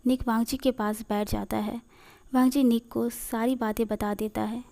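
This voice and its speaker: Mellow, fairly high female storyteller. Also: fairly even intonation, normal speed, vocal fry. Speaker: fan fiction narrator. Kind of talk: storybook narration.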